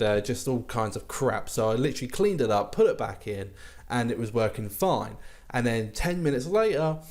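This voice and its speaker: A man's voice: medium pitch, a little mellow. A man, chatting casually to his viewers as a gaming host, recorded in a bare room at home that sounds echoey. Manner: rambling, lots of ums and restarts.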